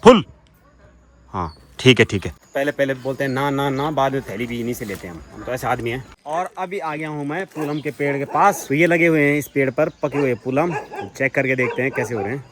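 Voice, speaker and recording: A man with a Garhwali accent and a heavy, booming voice, chatting and teasing as he narrates a casual vlog while walking outdoors through a hill village. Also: fairly quick, noisy background. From Uttarakhand, India. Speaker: vlogger. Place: outdoors on a village hillside path.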